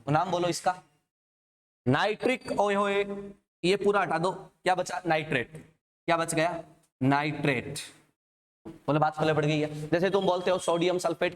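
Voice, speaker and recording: Chemistry sir from india, kinda high voice, keeps asking the class stuff. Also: male voice. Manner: energetic, repeats questions to quiz students. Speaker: chemistry teacher. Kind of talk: classroom lecture.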